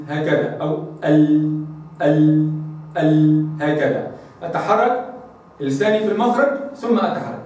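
An Egyptian man leads a lesson on pronouncing recited Arabic. His voice sits a little high and carries from some distance off the mic. It rings through a very echoey room, and he stretches out each example word with slow, deliberate care. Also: darkish tone. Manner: slow, deliberate demonstrations with drawn-out recited words. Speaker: Quran recitation teacher. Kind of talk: instructional lesson on letter articulation.

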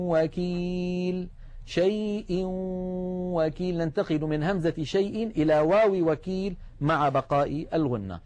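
Calm man teaching Quran recitation, slightly high. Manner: explains calmly, then chants examples slowly with drawn-out nasal sounds. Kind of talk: recorded tajweed lesson.

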